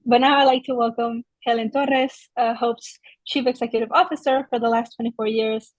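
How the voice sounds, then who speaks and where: Higher-voiced young woman moderator, dry sound. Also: a little mellow, no echo, low-quality recording. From Venezuela. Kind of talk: webinar interview moderation.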